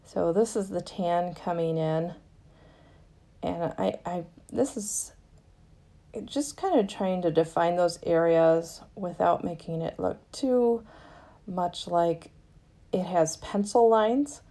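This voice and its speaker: Hosting a craft lesson, a woman with a lowish voice narrates a tutorial casually and unhurriedly, explaining things gently.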